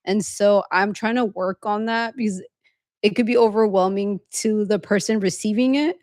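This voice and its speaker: Woman co-host talking in quick run-on bursts. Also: mid-range voice, steady tone, darkish tone, dry recording, clean studio sound. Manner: fast, run-on venting talk with few pauses. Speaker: podcast co-host. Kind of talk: casual conversation.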